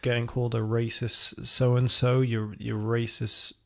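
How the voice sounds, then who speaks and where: A man voicing a dominatrix who sneers at and insults her client in a gravelly, profane put-on voice. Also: mid-range voice, level tone, a little slow, heavy background noise. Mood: mocking.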